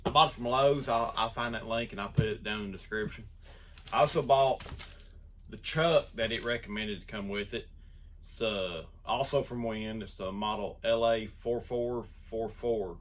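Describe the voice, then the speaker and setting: A man's voice: lowish voice, normal speed, a bit bright, a little hiss or hum. A man hosting his woodworking channel, talking casually and rambling through an unboxing in his shop. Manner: rambling, self-deprecating, restarts often. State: out of breath.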